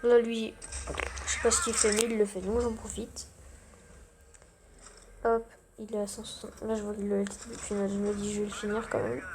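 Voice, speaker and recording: A woman's voice: mid-range voice, flat delivery, moderate pace, pauses often, background noise. A young woman giving casual, self-mocking gameplay commentary, full of gamer slang. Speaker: gaming channel host.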